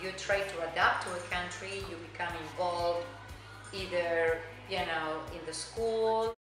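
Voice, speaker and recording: A middle-aged Argentine woman, a native Spanish speaker with an Argentine Spanish accent, chats in a casual oral history interview as an immigrant, often saying "you know." Her fairly low voice is steady and measured, recorded in a very echoey room with music playing behind her.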